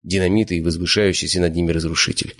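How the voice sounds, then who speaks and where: Male audiobook narrator, very low voice, steady first-person telling. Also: quick pace.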